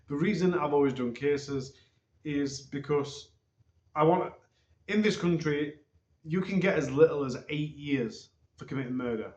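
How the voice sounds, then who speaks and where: A man, a channel host, giving viewers a casual, rambling update full of ums, recorded on a low-quality phone. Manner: hesitant, rambling, many ums. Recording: dull, roomy phone recording.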